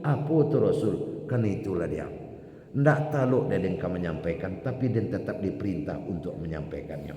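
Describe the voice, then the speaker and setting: A man with a Minangkabau accent preaching an Islamic sermon to a congregation. He questions his listeners directly and swings dramatically between hushed and loud emphasis. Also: deep voice, animated, moderate pace. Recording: echoey hall reverb, faint background noise.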